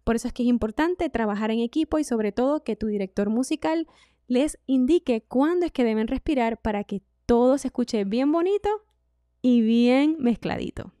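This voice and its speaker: A woman vocal coach, giving a singing lesson in a clear, instructive way. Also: fairly high pitch, brisk, no room sound, clean studio sound. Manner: clear instructive delivery, demonstrates loud and whispered speech.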